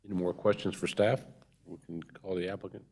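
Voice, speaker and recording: Low-voiced man chairing a meeting. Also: flat delivery, a little fast, vocal fry, warm tone, husky. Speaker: board chair. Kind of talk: formal meeting procedure. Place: public meeting room.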